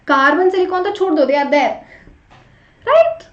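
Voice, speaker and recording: A woman's voice: extremely high pitch, very animated, moderate pace. A woman teaching an interactive live online class, chatting with students and urging them along with short repeated prompts. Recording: roomy echo, slightly dull sound.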